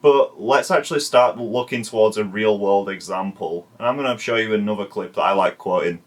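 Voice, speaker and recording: Chatty man, lowish voice, casual swearing, commentary host. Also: fairly quick. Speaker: video essay host.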